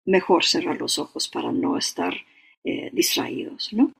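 Slow, gravelly meditation teacher. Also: medium pitch, wildly swooping pitch. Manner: slow, halting, with frequent "¿no?" and "o sea". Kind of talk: dharma talk and guided meditation.

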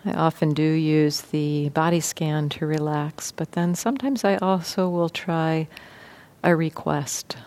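A meditation teacher guides a meditation in a low, slow voice with fairly even intonation. She is gentle and unhurried, leaving long pauses.

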